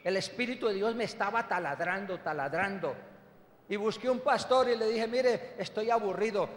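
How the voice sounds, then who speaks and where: Older pastor, high-pitched man, emphatic testimony preaching, roomy reverberant church. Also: animated, moderate pace, fairly bright tone. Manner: emphatic storytelling, calls listeners "hermano". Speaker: apostle and pastor. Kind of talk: testimony sermon. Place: church hall. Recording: echoey church hall with long reverb.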